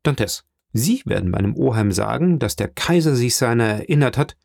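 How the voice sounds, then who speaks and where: A man reading the part of a hearty middle-aged shipowner in an audiobook, lively and confiding. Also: mid-range voice, normal speed, creaky, no room sound, studio quality.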